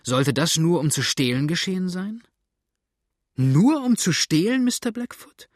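A male reader voicing an indignant, chattering old widow with a shrill, scolding voice. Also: moderate pace, no echo, clean studio sound, lightly acted.

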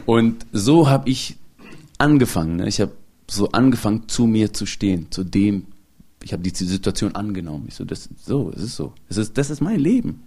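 A man's voice: lowish voice, normal speed, husky. A man, a comedian, telling a personal story in a casual interview, laughing often and acting out the people he quotes. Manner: animated, acts out quoted people.

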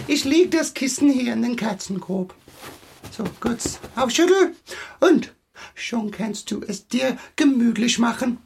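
An actress voicing a shifty neighbour who fakes an English accent in a children's audio drama, talking in an evasive, stammering, sugary way. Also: female voice, high-pitched, vocal fry, breathy edge, heavily acted. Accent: put-on English accent in German. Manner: evasive, stammering, overly sweet.

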